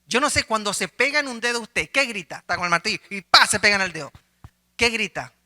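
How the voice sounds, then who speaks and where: A man's voice: high voice, quick pace, pushed and bright. A middle-aged man, a pastor giving a conversational sermon, telling a personal story with humor and questions to his listeners.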